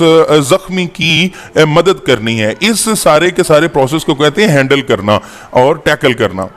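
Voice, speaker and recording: Man, classroom lesson, repeats words, reverberant room. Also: fairly high pitch. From Pakistan. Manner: spells out words slowly, repeating each one. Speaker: teacher. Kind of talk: slow English-to-Urdu lesson.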